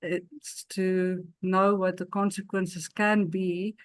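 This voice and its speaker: A woman guest on a podcast, speaking slowly and haltingly as she shares her parenting experience. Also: fairly low pitch, flat delivery, dry recording. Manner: slow and measured, halting. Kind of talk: casual conversational sharing.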